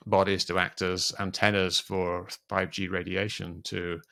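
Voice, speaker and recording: A man with a deep voice full of fry explains things in a casual podcast interview. His tone is bright and forceful despite the low pitch. He talks at length, restarting phrases and filling pauses. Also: level tone. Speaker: guest, debunker of conspiracy theories.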